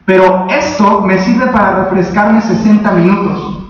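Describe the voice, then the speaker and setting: A man's voice: high-pitched, measured pace. A man preaching a sermon as a pastor, emphatic and full of rhetorical questions to the congregation. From Mexico. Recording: echoey, distant, dull sound.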